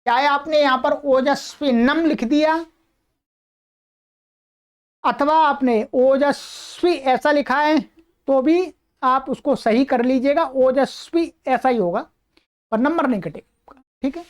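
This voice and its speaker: In a recorded Sanskrit lesson, a woman goes over an answer sheet, patiently explaining as she goes. Her voice sits high, and she reads translations and examples slowly, word by word, repeatedly checking in with the listener.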